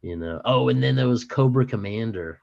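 A middle-aged man co-hosting a podcast, talking haltingly with many pauses and fillers. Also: mid-range voice, gravelly, darkish tone, no room sound, highs cut off. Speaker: podcast co-host. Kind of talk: casual chat.

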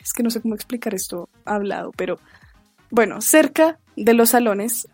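A woman in her twenties with a Colombian accent, hosting a casual storytelling podcast in a chatty, slangy way and acting out quotes in a higher voice. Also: lively intonation, normal speed, darkish tone, dry recording, soft background music. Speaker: podcast host.

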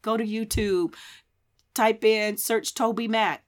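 A woman co-hosting a faith podcast, chatting casually and telling an animated story. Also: fairly high pitch, takes it slowly. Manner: animated storyteller, bursts into loud laughter. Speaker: podcast co-host. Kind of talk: casual chat. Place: live-streamed podcast session.

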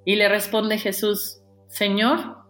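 A woman preaching a sermon, animated, acting out the dialogue in a lowered voice. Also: slow, reverberant, soft background music.

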